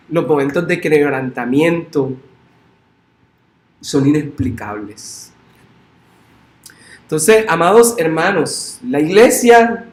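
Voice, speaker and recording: A male pastor preaching a sermon in a church, emphatic and swinging up into loud, high exclamations. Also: echoey room. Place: church sanctuary.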